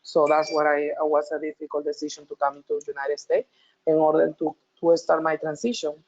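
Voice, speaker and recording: A woman from Peru with a Peruvian Spanish accent, speaking as a panelist over a video call, halting, with frequent restarts and repeated words. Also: low voice, level tone, darkish tone. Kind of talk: panel talk. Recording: dull lo-fi call audio.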